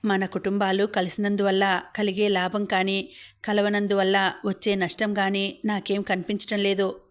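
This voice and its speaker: A woman reading the lines of a calm, reserved young man in an audiobook, in a plain, measured delivery. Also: mid-range voice, close to an everyday voice.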